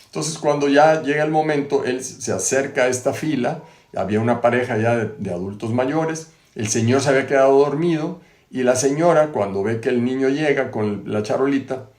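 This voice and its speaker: A man's voice: medium pitch, moderate pace, a little mellow. Man retelling a story, echoey room. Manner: conversational, frequent tag questions and restarts. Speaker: host. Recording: roomy echo.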